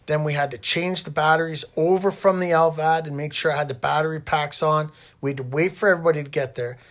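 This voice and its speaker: With a slightly high, fairly bright voice and fairly even intonation, the Canadian host, a middle-aged man, speaks fast. He rambles casually through the tale of his own time in the hospital, in a colloquial, storytelling way.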